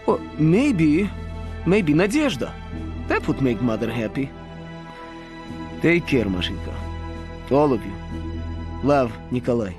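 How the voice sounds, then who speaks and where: A man's voice: mid-range voice, sing-song, slow, long pauses, music in the background. A man playing a devoted, earnest Soviet officer and new father, reading his letter home with tenderness in a war game. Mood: tender, earnest.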